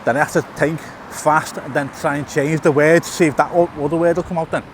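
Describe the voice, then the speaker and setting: In this walk-and-talk vlog, a man speaks fast in a steady, slightly high voice over faint traffic, outdoors in a town near a tunnel. The YouTuber has a lisp, stutters, repeats and restarts words, and fills gaps with fillers.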